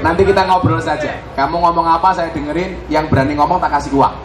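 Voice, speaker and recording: A man with a Javanese accent delivers a humorous sermon to a live crowd in a large event hall, teasing the audience and sprinkling in Javanese slang. He talks fast in a somewhat high voice with fairly even intonation. The hall is echoey and crowd noise is loud.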